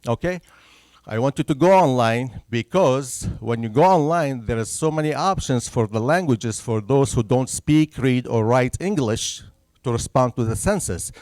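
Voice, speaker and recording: A Syrian man, a native Arabic speaker with a Syrian Arabic accent, gives an earnest census information talk in an indoor senior center meeting room, pausing after each point to check in with his audience. His mid-range voice is expressive and slightly mellow, with a moderate pace, and the recording is dry.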